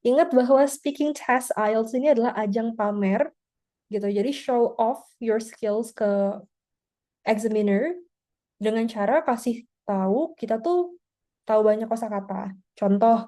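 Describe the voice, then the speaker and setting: A woman's voice: fairly high pitch, warm tone. A woman teaching an online exam-prep class over a video call, explaining in a chatty way with frequent tag words. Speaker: IELTS teacher.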